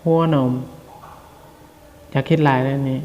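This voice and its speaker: A man's voice: unhurried, mellow, highs cut off. A man with a Lao accent teaching English pronunciation, repeating each body-part word several times before translating it. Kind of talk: vocabulary drill. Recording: long reverb.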